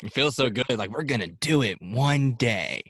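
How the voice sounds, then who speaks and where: A man's voice: medium pitch, animated, moderate pace, breathy edge, no echo, studio quality. A man co-hosting a podcast, laid-back with short remarks. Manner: laid-back, brief interjections. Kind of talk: casual podcast chat.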